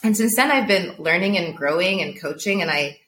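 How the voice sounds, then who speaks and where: Woman coach, casual and reflective, laughs easily; lowish bright voice, roomy echo. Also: animated, a little fast. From Portugal. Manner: laughs often, reflective, fillers of "like". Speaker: coach, interview guest. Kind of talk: casual conversation.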